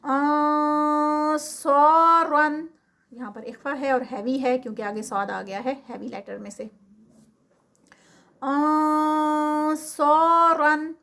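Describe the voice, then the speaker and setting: A woman with a high voice teaches recitation rules in a patient, step-by-step way. She stops often to chant sample words slowly and stretched out, then goes back to explaining. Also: vocal fry.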